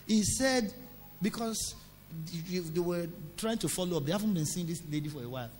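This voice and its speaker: A man preaching a sermon, telling stories and scolding in an animated way. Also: sits high, normal speed. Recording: reverberant hall with faint hum.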